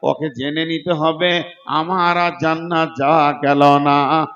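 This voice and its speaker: This dull, lo-fi recording captures a man preaching an Islamic sermon in a fairly high, slightly bright voice with little pitch movement. He tells religious stories dramatically and emphatically, slowly drawing out words, repeating phrases, and slipping into a half-sung chant as he recites the Quran.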